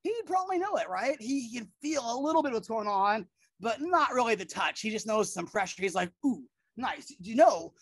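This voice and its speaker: A woman's voice: on the high side, sing-song, brisk, slightly rough, no room sound. Chatty woman with surfer slang, dry sound. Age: middle-aged. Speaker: animal presenter. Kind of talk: casual educational reptile show. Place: outdoors in a yard.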